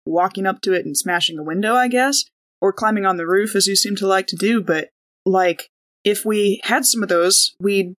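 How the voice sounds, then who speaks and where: On a tabletop roleplaying podcast, a woman player chats casually and improvises, wandering from point to point. Her voice is medium in pitch and she keeps a moderate pace.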